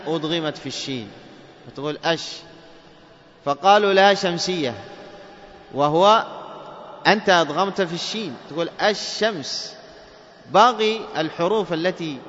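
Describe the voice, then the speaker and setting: A man teaching a class on Quran recitation rules, answering his own questions and drawing out key words slowly to stress them. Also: on the high side, bright, forceful tone. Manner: explains step by step, asks the class questions and answers them himself. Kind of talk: lecture on tajweed rules. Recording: dull sound with long echo.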